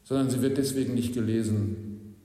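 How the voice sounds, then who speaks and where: A man preaching a sermon as pastor, earnest, with rhetorical questions, moving between hushed and emphatic delivery. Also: medium pitch, steady tone, normal speed. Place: church. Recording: echoey church hall with long reverb.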